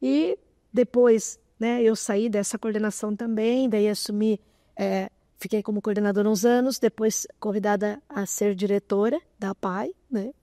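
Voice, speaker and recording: A woman in her sixties, a guest in an interview, telling a personal story in an animated way, often close to tears. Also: medium pitch, moderate pace, no room sound. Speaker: interview guest, association president.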